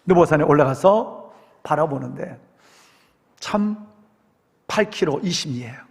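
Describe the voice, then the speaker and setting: Animated male preacher in an echoing sanctuary. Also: a little high, a little slow, vocal fry. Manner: animated, dramatic storyteller. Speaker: senior pastor. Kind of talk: storytelling sermon. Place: church sanctuary. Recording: long church hall reverb.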